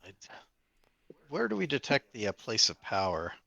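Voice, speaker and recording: A man's voice: medium pitch, huge pitch swings, moderate pace, creaky, sharp tone, no room sound, lo-fi sound. A man chatting casually as a player in a tabletop role-playing game.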